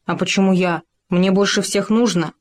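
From a storybook, a self-important little hamster lectures and scolds in a preachy, meddling way, as a woman puts him on. Her own voice stays at a middling pitch. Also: fairly even intonation, moderate pace, close to an everyday voice. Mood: indignant.

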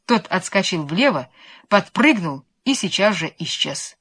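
A woman reading a children's story aloud in an expressive, animated, playful way. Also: fairly low pitch, a little slow, slightly rough.

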